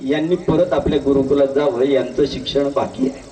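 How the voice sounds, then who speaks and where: A man speaking the lines of a calm old teacher inside a story, in a measured, matter-of-fact way. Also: medium pitch, a little hiss or hum, lightly acted. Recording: echoey hall, distant mic.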